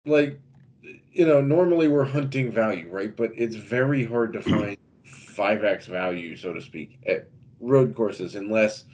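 A man co-hosting a podcast, chatting casually and quickly about fantasy racing picks, laughing easily. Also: on the low side, darkish tone, husky, highs cut off. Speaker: podcast co-host. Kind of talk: casual sports betting chat.

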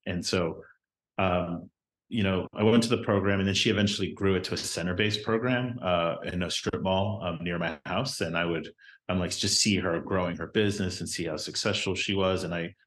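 Deep voiced guy from miami, founder on a podcast, lots of ums, hesitant. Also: steady tone, moderate pace, fairly bright tone. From Miami, Florida. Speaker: company founder, guest. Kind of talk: casual interview answers.

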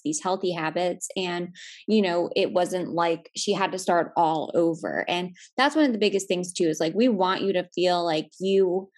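A woman's voice: fairly low pitch, a little mellow. A woman fitness coach in a casual chat, upbeat and encouraging, talking with lots of "like" and "you know".

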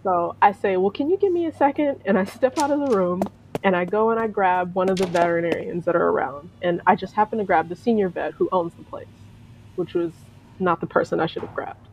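A woman's voice: lowish voice, a little fast, a little hiss or hum, poor audio. A woman telling a personal story in casual spoken style, acting out the voices of the people in it and laughing often. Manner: animated, acts out quoted voices, laughs often. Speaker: storyteller, veterinary technician.

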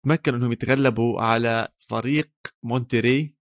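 Male sports podcast co-host, Levantine Arabic accent, very rapid delivery, casual bantering style. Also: mid-range voice, fairly even intonation.

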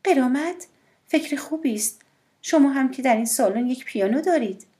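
A woman narrator voicing Death as a calm, mysterious woman, cool and softly teasing in an audiobook. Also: high voice, pitched above the performer's own voice. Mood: calmly assured. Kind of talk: audiobook character voice.

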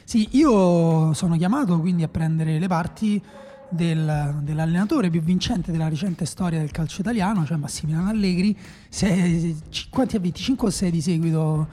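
A man's voice: fairly high pitch, moderate pace, dark tone. A man co-hosting a casual podcast debate, speaking loosely, joking and thinking aloud. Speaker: podcast co-host.

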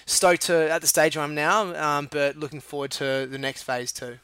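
A man's voice: on the high side, fairly even intonation, normal speed, a bit bright, clear, resonant tone, no echo. A man with an Australian accent chatting casually as a chef guest in an interview, upbeat and matey. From Sydney, Australia.

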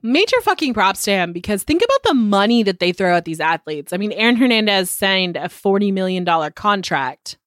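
A woman's voice: medium pitch, brisk, few pauses, dry recording, studio quality. Congested, nasal woman chatting casually. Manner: sweary, animated storytelling with frequent chuckles. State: getting over a cold. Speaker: podcast co-host. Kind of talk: casual chat.

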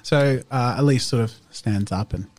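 A man's voice: mid-range voice, moderate pace, darkish tone, faint music behind. A man narrating as game master in a casual, hesitant way, full of fillers.

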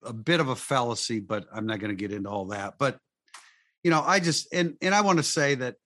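A man's voice: mid-range voice, lively intonation, a little fast, sharp tone, no room sound. A man hosting a sports talk show, talking with many restarts and sarcastic asides.

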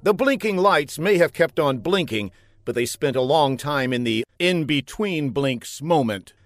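A man's voice: fairly high pitch, lively intonation, a little slow, no echo. Man narrating a mock-heroic comic story. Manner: mock-dramatic storytelling with punchy emphasis.

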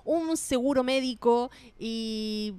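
A young woman with a Chilean accent reviews movies in a relaxed, chatty way, full of slang and quick asides. Her voice sits a little high. The sound is dry and close, with no room around it. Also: smooth, no echo. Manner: chatty, lively, slangy, laughs often. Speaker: podcast co-host. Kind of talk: casual film review chat.

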